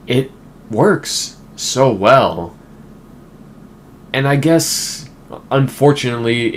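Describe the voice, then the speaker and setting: A man giving a casual, emphatic movie review with conversational side remarks. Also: lowish voice. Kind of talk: casual video essay. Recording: faint background noise.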